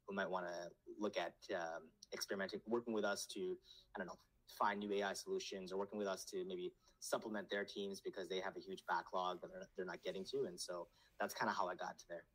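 A man in his thirties, born in Nepal, talks through his move into tech as an interview guest on a video call. His voice sits very low and his words come quickly. He rambles comfortably, full of fillers and restarts. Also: rough recording. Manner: relaxed storytelling, many fillers, mixes English and Nepali. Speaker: business developer, guest.

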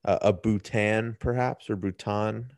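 An American man co-hosting a podcast, talking in a measured, thoughtful way with hedges. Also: lowish voice, steady tone, darkish tone, no room sound, studio quality. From United States. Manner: measured and thoughtful, with hedging fillers. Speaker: podcast co-host. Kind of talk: casual chat.

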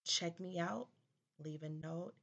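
A woman hosting a podcast in a casual monologue, with a drawn-out, sing-song, welcoming delivery. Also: on the low side, fairly bright tone. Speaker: podcast host.

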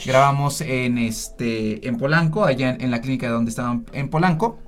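A man's voice: medium pitch, normal speed. A man with a Mexican accent, a doctor telling his story on a panel in a sarcastic, joking way. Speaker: doctor and social media health creator. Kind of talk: panel talk, personal storytelling.

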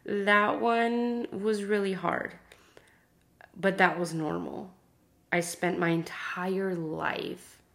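Talking directly to her audience, a thirtysomething female podcast host delivers a heartfelt, encouraging monologue in a voice on the low side, sometimes softening to a whisper.

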